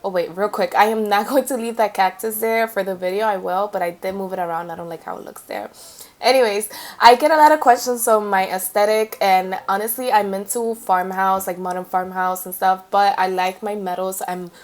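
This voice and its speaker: A woman's voice: mid-range voice, fairly quick. A young woman chatting casually and informally as she vlogs about home decor. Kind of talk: casual vlog chat. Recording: background music.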